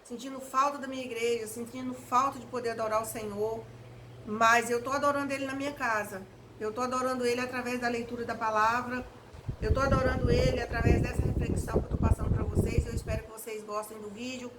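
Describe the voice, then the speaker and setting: A woman preaches an earnest home devotional, urging her listeners on directly in a fairly high voice. An electric fan blows straight into her face as she talks. Its steady whir runs loud under every word of the home recording. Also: fast talker, heavy background noise. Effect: electric fan blowing right in her face while she talks. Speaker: evangelical lay preacher. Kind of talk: home devotional reflection video. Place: hot room at home.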